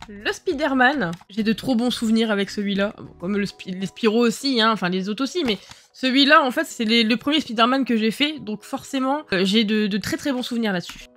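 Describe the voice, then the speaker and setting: A woman's voice: a little high, a bit bright. A tired young woman from France chatting casually about her retro game collection, laughing at herself and swearing now and then. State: tired after work. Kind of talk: casual vlog chat. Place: game room at home, indoors.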